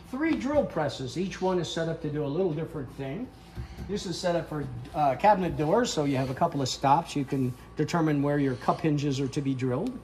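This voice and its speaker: An older man who owns a woodworking school chats casually and cracks small jokes while explaining things on a walk through a large indoor shop. His voice is fairly high and a little mellow, with slight background noise, and the interviewer films it on a handheld camera during this relaxed shop tour.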